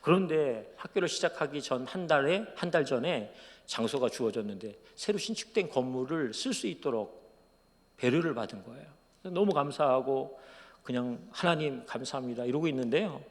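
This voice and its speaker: A male pastor giving a sermon testimony, going from hushed, quiet moments to loud, emotional outbursts. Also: medium pitch, expressive, moderate pace. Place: church sanctuary. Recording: long church reverb.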